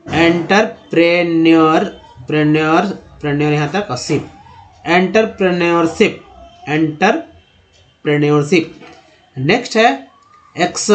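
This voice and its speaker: A young man teaching English pronunciation in Hindi, breaking each word into syllables and repeating it slowly. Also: fairly high pitch. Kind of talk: slow word-by-word pronunciation lesson.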